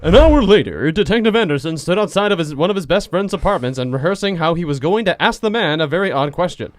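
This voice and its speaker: A man's voice: on the high side, animated, fast talker, dry recording, clean studio sound. A man reading a story aloud in a mock 1940s newsreel announcer style, with over-the-top dramatic delivery. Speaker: podcast co-host reading fan fiction aloud.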